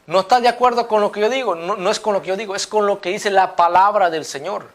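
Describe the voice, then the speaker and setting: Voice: medium pitch, fast. Emphatic preacher firing rhetorical questions. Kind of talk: apologetics sermon video.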